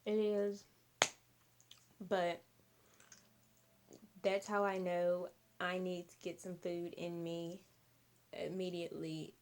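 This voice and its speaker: A young woman in her late teens chatting casually to viewers between bites of food in an eating vlog. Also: lowish voice. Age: young adult. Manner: slow, relaxed talk between bites. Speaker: mukbang vlogger.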